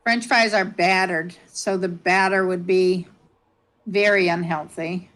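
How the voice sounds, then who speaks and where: A woman's voice: on the low side, steady tone, slow pace, a bit bright, low-quality recording. A woman, chatting casually as a guest and laughing often. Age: 50s. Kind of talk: casual chat.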